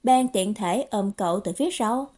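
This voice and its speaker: A woman narrating a novel as an audiobook in a steady storytelling manner. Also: medium pitch, normal speed. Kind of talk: scripted narration.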